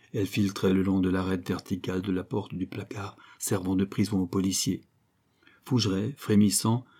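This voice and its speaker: A man narrates an audiobook in a low, dark and husky voice. His reading stays steady and measured.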